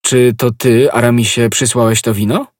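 A man's voice: medium pitch, steady tone, normal speed, no echo, studio quality, close to an everyday voice. A man voicing a grave, cautious musketeer. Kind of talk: audiobook reading.

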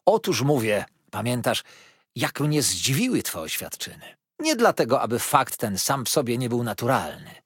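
Storybook old busybody mother-in-law, shrill and gushing, read by a man, husky, very swoopy. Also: wildly swooping pitch, moderate pace, dry recording, studio quality, full character voice.

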